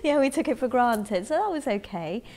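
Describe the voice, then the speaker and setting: A middle-aged woman from Zambia telling her life story in an interview, thoughtful and halting, often restarting her sentences, recorded close up in a dark room. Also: fairly high pitch, animated. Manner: thoughtful, halting, with frequent restarts and soft asides. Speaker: interviewee in a community film. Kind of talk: reflective personal storytelling.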